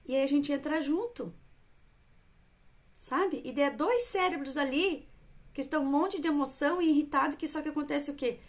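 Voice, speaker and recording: A woman, giving parenting advice to mothers on a live stream in an earnest, coaxing way, often acting out calm talks with a child. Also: high-pitched, normal speed. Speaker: parenting coach.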